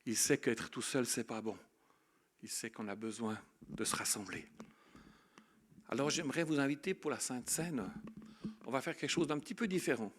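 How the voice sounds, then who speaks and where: A male pastor delivers a sermon in a middle-pitched voice. He preaches earnestly, dropping to soft reflection and then building to emphatic, repeated declarations. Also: moderate pace, long pauses, slightly rough.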